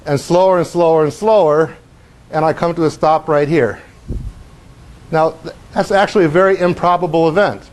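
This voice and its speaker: A middle-aged man teaches in a lecture hall, his voice sitting slightly high for a man. He is animated and acts out the physics with his own body. He breaks off now and then for wry asides and questions to the students. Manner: animated, acts out motion as he explains. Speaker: professor. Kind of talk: university lecture.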